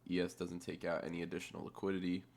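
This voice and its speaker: Very gravelly, low-voiced man thinking aloud. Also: level tone, rapid-fire, a little mellow. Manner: offhand, muttering, swears casually. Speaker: trader narrating a chart replay. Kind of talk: casual screen-share commentary, thinking aloud.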